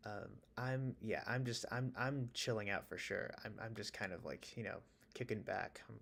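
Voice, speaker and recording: Laid-back man with a gravelly morning voice. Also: on the low side, normal speed, a bit bright. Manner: rambling, stammering restarts, laid-back. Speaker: music producer streaming. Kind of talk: relaxed live-stream chat. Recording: music playing faintly behind.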